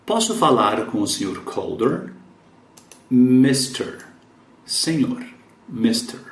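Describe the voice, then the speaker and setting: A man teaching English in Portuguese, slowly repeating English words and sentences for pronunciation. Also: mid-range voice, echoey room. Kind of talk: English lesson in Portuguese, reading and explaining sentences.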